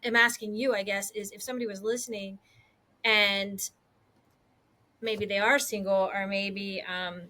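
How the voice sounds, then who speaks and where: A middle-aged woman co-hosting a casual talk show, chatty and quick to laugh, asking probing questions. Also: mid-range voice, steady tone, sharp tone. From Eastern Shore, US. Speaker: podcast co-host. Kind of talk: casual chat.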